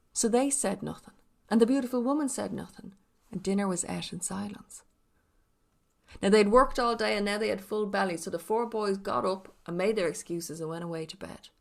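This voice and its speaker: An Irish woman telling a folk tale in a lilting storyteller's manner, with dramatic pauses and repetition. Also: mid-range voice, vocal fry. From Ireland. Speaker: storyteller, podcast guest.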